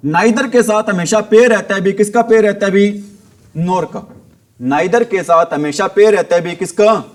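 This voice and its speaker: A man's voice: high-pitched, a little slow. An Indian man teaching a grammar class, asking each question and answering it himself, drilling points again and again. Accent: Hindi-accented English words.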